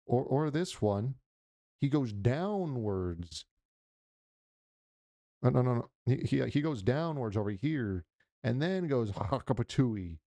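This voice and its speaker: Gravelly, rambling man with a dark tone. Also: medium pitch, sing-song, slow pace, long pauses, dry recording. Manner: rambling, jokey, mimics noises. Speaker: reaction channel host. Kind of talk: casual reaction commentary.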